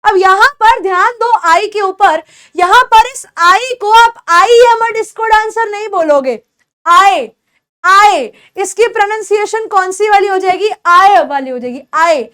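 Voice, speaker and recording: A young Indian woman, a Hindi speaker, teaches English pronunciation to beginners in a very high, sharp-toned voice with lively intonation. She's patient, saying example words slowly over and over and checking that her students follow.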